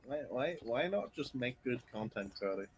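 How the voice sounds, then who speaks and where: A man's voice: medium pitch, lively intonation, moderate pace, slight background noise. A man on voice chat with a friend, teasing him dryly in casual banter. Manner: dry, teasing.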